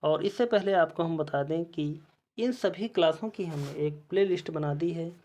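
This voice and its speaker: A male teacher leads an exam-prep lesson, reading out quiz questions and their options one at a time in a measured way. His voice is fairly high-pitched with a darkish tone.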